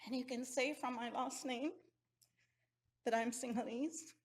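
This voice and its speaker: A middle-aged woman from Sri Lanka, giving an earnest, heartfelt memorial eulogy at a measured pace. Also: a little high, steady tone, slightly rough.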